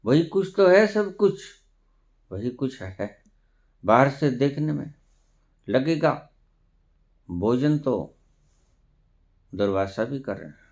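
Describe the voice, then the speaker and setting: Speaking slowly with frequent pauses, this male spiritual teacher from India has a mid-range, darkish voice that swings widely in pitch. His discourse is emphatic, full of rhetorical questions and sprinkled with English phrases.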